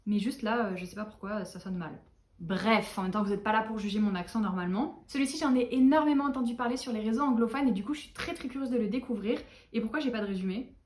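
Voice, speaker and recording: Young woman rambling about books, tired but chatty, kinda high voice, echoey room. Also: fast talker. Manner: chatty, self-mocking, animated. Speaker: book vlogger. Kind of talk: casual book chat to camera.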